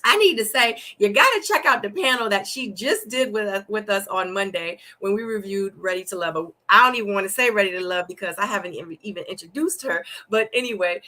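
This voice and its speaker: A woman's voice: mid-range voice, sharp tone. A woman hosting her online talk show, upbeat and chatty, often saying "you know what I mean". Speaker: host.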